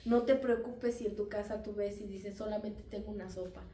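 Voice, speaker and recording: A woman with a Mexican accent giving a lively testimony and preaching to the church women, acting out the voices in her stories. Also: medium pitch, brisk, slight background noise. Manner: animated storytelling, acts out voices in quotes. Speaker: speaker at a church women's meeting. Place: church hall. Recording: echoey room, voice far from the mic.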